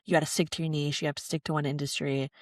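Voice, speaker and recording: A woman's voice: deep voice, little pitch movement, racing, dry recording, clean studio sound. A young adult woman hosting a podcast interview, enthusiastic and chatty, with frequent filler words. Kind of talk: casual interview talk.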